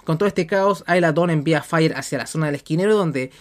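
A man's voice: fairly high pitch, fast talker. A man commentating on a wrestling match move by move as a podcast host, sometimes hesitating and correcting himself.

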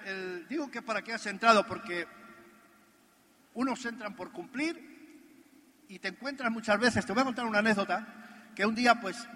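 High bright-voiced man in a reverberant hall. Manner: animated storyteller, rhetorical questions. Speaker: motivational speaker at a business convention. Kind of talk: motivational stage talk. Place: large convention hall.

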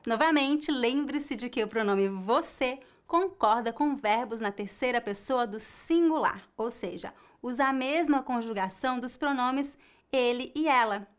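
Brazilian woman, language teacher, slightly high, careful scripted delivery. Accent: Brazilian Portuguese. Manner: slow, clear explanation for learners. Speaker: Portuguese teacher. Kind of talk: scripted lesson.

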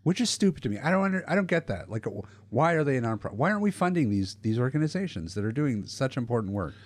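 A man's voice: mid-range voice, big pitch swings, fast talker, dry recording. A man co-hosting a casual talk podcast, joking and opinionated, laughing often. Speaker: podcast co-host. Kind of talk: casual chat.

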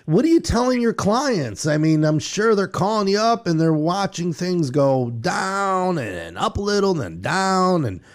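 A man's voice: high voice, a little slow, few pauses. A middle-aged man hosting a casual interview, laughing often and joking about himself. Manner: laughs often, animated and self-deprecating. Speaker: podcast host.

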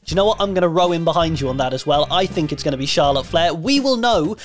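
A man's voice: on the high side, lively intonation, fast talker. A man in his thirties with a Cornish accent, co-hosting a podcast in casual chat with a playful, mock-formal teasing manner. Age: 30s. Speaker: podcast co-host.

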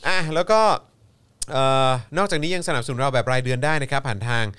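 A man's voice: mid-range voice, quick pace, a bit bright, smooth. A man hosting a casual talk show, chatty and heavy on polite sentence endings.

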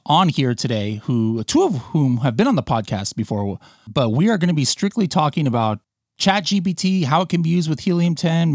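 A man's voice: medium pitch, no room sound, clean studio sound. A man hosting a podcast, chatty and upbeat, joking about himself with many fillers. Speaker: podcast host. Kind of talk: casual interview chat.

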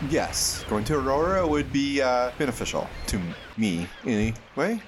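A man chatting casually as a player in a tabletop game, halting as he talks. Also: medium pitch, sing-song, slight background noise. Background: music.

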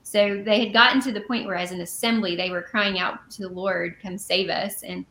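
A woman's voice: medium pitch, steady tone, a little fast, bright, forceful tone, echoey room, slight background noise. A woman co-hosting a casual podcast, reading Bible passages aloud and then explaining them in a chatty way with fillers and self-corrections. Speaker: podcast co-host.

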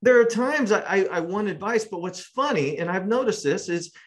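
A man hosting a casual conversation, talking in a reflective, measured way. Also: sits high, animated.

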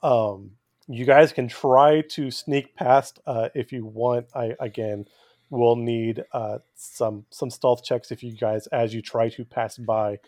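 A man's voice: medium pitch, fairly even intonation, takes it slowly, a little mellow, no echo, studio quality. A man running a tabletop game, narrating and refereeing in an explanatory way with hesitant phrasing. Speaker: game master.

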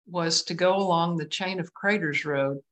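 A woman from West Texas with a West Texas twang, chatting as a guest on a video call in a halting, self-deprecating way. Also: on the low side, fairly bright tone. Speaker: guest artist, painter. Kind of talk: casual interview chat over video call.

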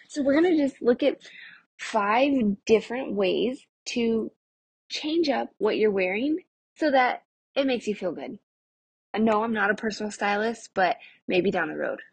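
A young adult woman with a husky voice, hosting a podcast in a casual, chatty way and talking to listeners like friends. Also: medium pitch, expressive, moderate pace, no room sound. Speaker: podcast host of a nutrition show for mothers. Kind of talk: casual solo podcast talk.

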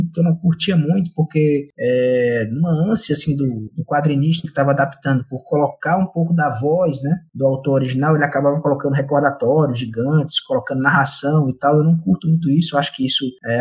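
A man's voice: fairly high pitch, fast, few pauses, darkish tone, lo-fi sound. A young Brazilian man, a comics artist, talking casually and rambling with lots of fillers and tag questions. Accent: Brazilian Portuguese. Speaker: comics artist and co-author of an adaptation. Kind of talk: conversational interview talk.

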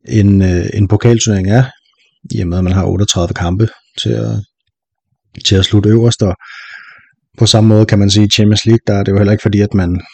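Mellow low man, dry close sound. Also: no echo. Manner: relaxed, hesitant, wry. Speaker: podcast panelist. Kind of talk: casual football podcast chat.

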